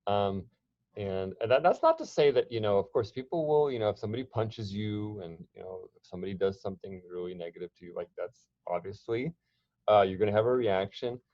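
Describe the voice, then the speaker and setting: A man's voice: on the low side, expressive, brisk, a little mellow, no echo, muffled recording. A man presenting an online workshop, talking conversationally with frequent restarts and fillers. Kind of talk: online training talk.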